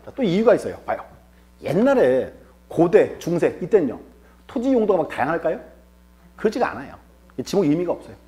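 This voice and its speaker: Guy teaching an exam-prep class, lively up-and-down pitch, mellow dark tone, keeps quizzing then answering himself. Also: a little fast, pauses often, soft background music. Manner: rhetorical questions he answers himself; repeats key terms with emphasis. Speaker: lecturer.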